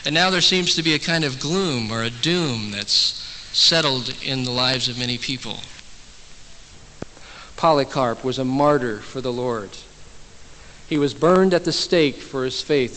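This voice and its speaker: A man's voice: fairly high pitch, a bit bright. A male pastor preaching a sermon in a church, telling stories with humor. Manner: storytelling, humorous. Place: church in Hong Kong. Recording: echoey church hall, faint tape hiss.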